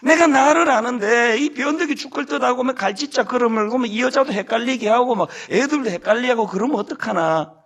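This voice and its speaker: A man's voice: extremely high pitch, brisk, hardly any pauses, fairly bright tone. A middle-aged man preaching a sermon in a church sanctuary, telling self-deprecating stories with humor and joking with the congregation. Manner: jokes with the congregation. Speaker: senior pastor.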